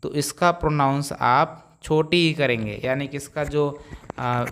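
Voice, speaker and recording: A man's voice: on the high side, unhurried, a bit bright, a little hiss or hum. A man teaching English pronunciation rules, explaining step by step and answering his own questions. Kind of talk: spoken phonics lesson.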